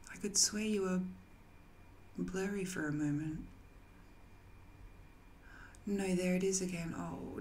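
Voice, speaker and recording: Voicing a sly, lonely, seductive evil spirit banished long ago, a woman performs in an intimate audio drama using a lowish voice, coy and breathy, frequently sinking to a whisper. The mood is teasing, and a slight hiss or hum can be heard.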